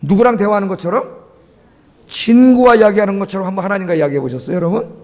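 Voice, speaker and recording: A man's voice: high-pitched, fast talker, darkish tone. A male pastor preaching a sermon, often asking the congregation questions and urging them on with emphasis. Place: church sanctuary. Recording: long church hall reverb.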